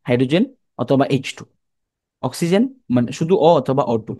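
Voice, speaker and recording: A man's voice: mid-range voice, fairly quick, warm tone, dry recording. A young man with a Bangladeshi Bengali accent teaching a chemistry class, informal and repetitive, who asks students questions and answers them himself. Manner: repeats terms, colloquial speech.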